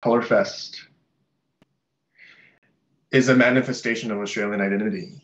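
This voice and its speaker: A man's voice: fairly low pitch, steady tone, normal speed, a bit bright, dull audio. A young man from Malaysia and Singapore, an artist and social worker, reflecting at length in a small room in front of a webcam, often restarting his sentences. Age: young adult. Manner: thoughtful, with many restarts and fillers. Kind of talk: reflective interview monologue. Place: small bright room indoors. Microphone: webcam at desk.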